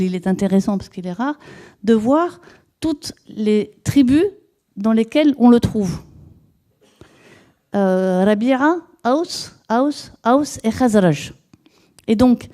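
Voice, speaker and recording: Lecturing on epigraphy, a woman with a medium-pitched, dark-toned voice explains her research to an audience one step at a time. She often stumbles into restarts and puts questions to the room.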